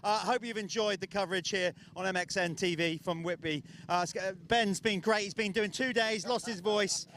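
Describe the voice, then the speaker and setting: Male sports co-presenter, high-pitched, matey and chatty, casual live outdoor sign-off. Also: moderate pace, few pauses, a bit bright, a little hiss or hum. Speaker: broadcast co-presenter. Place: outdoors at a race track.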